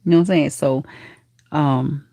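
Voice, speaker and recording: A woman's voice: low-pitched, steady tone, moderate pace, no echo. Churchy auntie woman on a live stream. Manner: warm affectionate auntie talk, calls viewers baby and honey; churchy, speaks of God and blessings. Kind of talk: casual live chat reading comments.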